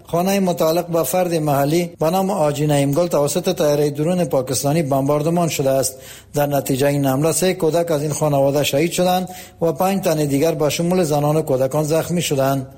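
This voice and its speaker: A male radio reporter with a fairly high yet mellow, warm voice. He narrates a scripted news report in an even, formal tone.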